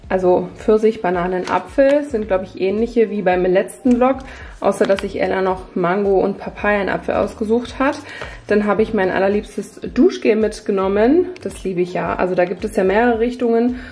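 A woman in her thirties, a family vlogger, stands in her kitchen at night and cheerfully walks viewers through a grocery haul item by item. Her voice is mid-range and dark-toned, with slight background noise.

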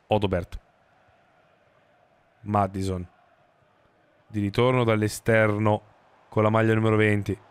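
A man's voice: fairly low pitch, level tone, unhurried, pauses often. A man, doing live football video game commentary in an emphatic, exclaiming way. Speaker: game streamer. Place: indoor streaming room. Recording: clear background game noise. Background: football game stadium ambience.

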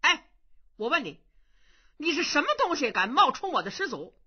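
A woman storyteller voicing a sharp-tongued, suspicious young male monk who shouts accusations. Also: high-pitched, sing-song, normal speed, voice pushed up. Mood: accusing. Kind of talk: traditional Chinese storytelling. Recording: dull lo-fi recording.

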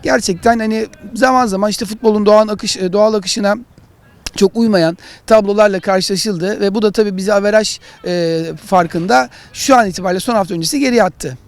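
A man talking through match analysis as a football pundit, in halting, explanatory phrases. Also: sits high. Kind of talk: analytical studio discussion of matches.

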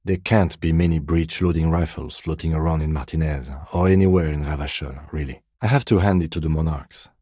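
In video game dialogue, an actor voices a composed, dry-witted, by-the-book police detective in middle age, delivering lines in a measured, precise, deadpan way. His male voice is a husky, rumbling low one, recorded with no echo. The mood is measured and serious.

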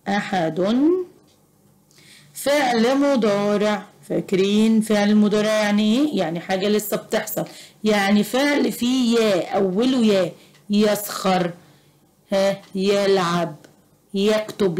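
A woman's voice: mid-range voice, darkish tone. Patient Egyptian woman tutoring children. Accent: Egyptian Arabic. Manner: slow, patient, encouraging teacher tone. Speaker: private tutor. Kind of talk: teaching a children's Arabic lesson.

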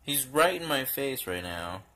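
Casual vlogger chatting to the dogs, slow and bright, with an animated pitch and playful swearing. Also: a little hiss or hum. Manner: lively, playfully exaggerated exclamations. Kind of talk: casual vlog playing with a puppy.

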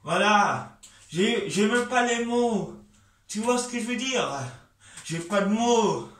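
A man's voice: high-pitched, lively intonation, slow pace, a bit bright, distant mic. A man ranting with angry, repetitive venting and swearing in a fed-up football rant. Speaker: vlogger. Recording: echoey room, voice from afar.

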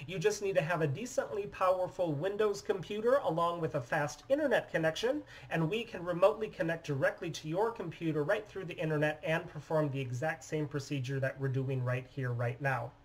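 A man in his thirties from the United States, giving a steady, methodical explanation while demonstrating a phone at his desk in a small room. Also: fairly high pitch, a little fast, hardly any pauses, rough recording. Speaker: phone repair business owner. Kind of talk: scripted product demonstration. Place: small indoor office room.

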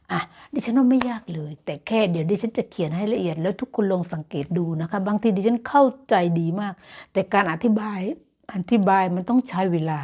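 Soft-spoken woman teaching Dutch. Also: medium pitch, husky. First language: Thai. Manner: explains patiently, mixing Thai with Dutch example sentences; encouraging and motivational. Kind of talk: casual online language lesson.

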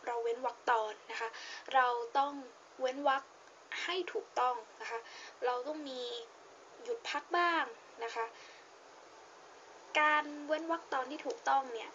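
A woman's voice: high-pitched, pushed and bright, muffled recording, a little hiss or hum. A young woman with a Thai accent teaching a reading lesson, patiently repeating her points and stressing words as she reads aloud. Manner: patient, repeats points with frequent polite particles; reads English passage slowly with stressed words. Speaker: English teacher.

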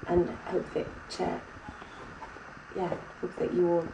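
A woman's voice: on the low side, monotone, slow, dark tone, roomy sound, recorded from a distance, lo-fi sound, slight background noise. A woman with an English accent giving a breezy, chatty catch-up to camera, full of ums. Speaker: vlogger giving a personal catch-up. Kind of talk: casual chat to camera.

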